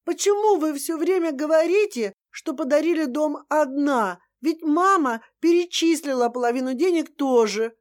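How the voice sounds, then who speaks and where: A woman's voice: high voice, normal speed, few pauses, pitched above the performer's own voice, natural voice. A woman voicing a timid young wife who stutters with fear. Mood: frightened, timid.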